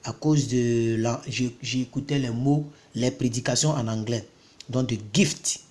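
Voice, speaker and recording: A man's voice: medium pitch, steady tone, unhurried, darkish tone. A man from Côte d'Ivoire, giving a casual vocabulary lesson and repeating each word several times before explaining it. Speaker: self-taught English vocabulary tutor.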